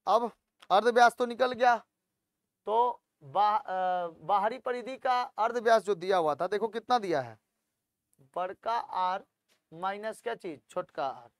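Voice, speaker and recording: Male tutor, higher pitch, coaxing question-and-answer teaching, dry recording. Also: unhurried, no room sound. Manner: coaxing, asks students questions, then answers them. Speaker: maths tutor. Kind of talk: solving textbook problems aloud.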